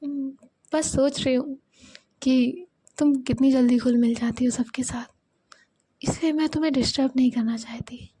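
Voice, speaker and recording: A woman voicing a young woman confused by hidden feelings, in a soft, troubled way. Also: high-pitched, steady tone, moderate pace, slightly rough.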